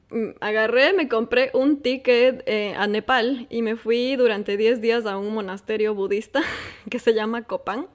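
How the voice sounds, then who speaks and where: A woman, telling her own life story in a casual, chatty way and laughing often. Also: medium pitch. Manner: chatty, laughs often, lively asides to listeners. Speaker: host.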